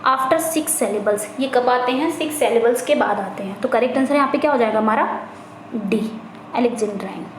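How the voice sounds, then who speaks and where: High-voiced woman tutor in an echoey room. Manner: explains in Hindi, reads English questions slowly; repeats phrases, corrects herself. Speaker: English exam tutor. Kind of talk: Hindi exam-prep lesson. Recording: echoey room, faint background noise.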